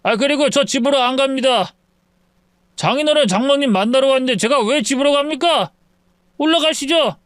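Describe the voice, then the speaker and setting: A man's voice: very high voice, fairly bright tone, clear, resonant tone, no echo, clean studio sound, voice pushed up. A man doing a drunk, whiny young husband. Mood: drunk pleading. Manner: slurred, pleading and drawn-out.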